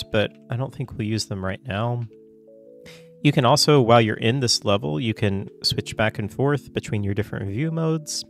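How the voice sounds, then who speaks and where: A tutorial host still recovering from a cold walks through a casual software tutorial, coughing now and then. His medium-pitched male voice is loose and chatty, full of fillers and self-corrections.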